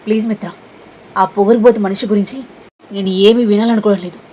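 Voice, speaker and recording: A woman's voice: medium pitch, fairly even intonation, fairly quick, slight background noise, close to an everyday voice, low-quality recording. Woman voicing a defiant scolding young woman. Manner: sharp scolding tone.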